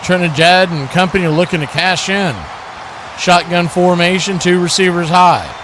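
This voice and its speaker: Delivering football play-by-play live, this male announcer has a notably high pitch and a moderate pace. His short, clipped phrases follow the action, and clear, steady noise sits behind his voice.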